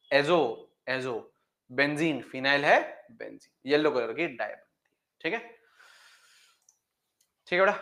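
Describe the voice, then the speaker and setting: In a classroom, a male chemistry teacher with a slightly high, bright, forceful voice delivers a lecture and a farewell chat. He repeats his points, asks questions he answers himself, and fondly calls his students "beta".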